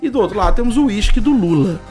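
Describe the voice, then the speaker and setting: An excitable man hosts a casual news talk and stresses his points hard. He speaks fast and rather high. Light music runs underneath. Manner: excitable, emphatic. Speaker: host.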